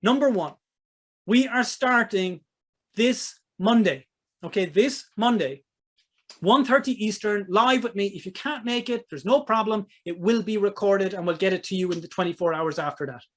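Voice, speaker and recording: High-voiced man pitching his coaching webinar. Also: moderate pace. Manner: energetic, salesy, keeps checking in with "right?" and "okay?". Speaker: business coach hosting a webinar. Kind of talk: live webinar sales pitch.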